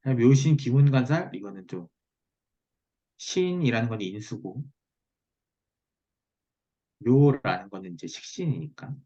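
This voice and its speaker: Husky male teacher on muffled call. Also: mid-range voice, lively intonation, measured pace, long pauses, dark tone. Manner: checks understanding with short tag questions. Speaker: teacher of Korean saju fortune-telling. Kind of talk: one-on-one online lesson, explanatory talk. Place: online video call. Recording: muffled, lo-fi video call audio.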